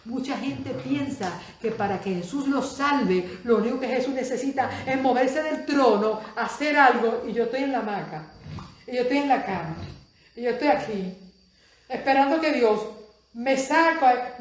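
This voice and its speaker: Woman preacher, higher voice, dynamic sermon, rhetorical questions, echoey hall. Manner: dynamic, swings from soft asides to loud exclamations.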